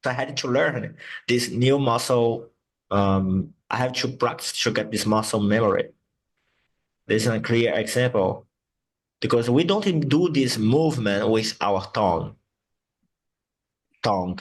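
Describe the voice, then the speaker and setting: This Portuguese-speaking man teaches English online at an unhurried, stretched-out pace, his voice at an ordinary middle pitch. He models pronunciation by repeating words over and over with patience. The audio is poor, with slight background noise.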